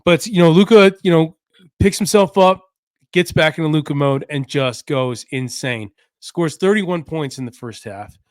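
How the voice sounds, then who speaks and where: A man's voice: on the high side, normal speed, dry recording, studio quality. A man hosting a casual solo sports podcast, talking in a loose, rambling way with lots of fillers and restarts.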